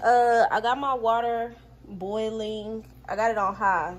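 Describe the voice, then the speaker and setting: A woman's voice: on the high side, fairly even intonation, unhurried. A young woman chatting casually to her viewers while she cleans at home, filmed on a phone. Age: young adult. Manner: chatty, talks to viewers as "y'all". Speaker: vlogger. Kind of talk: casual vlog chat. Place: home kitchen, indoors. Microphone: phone camera held by hand.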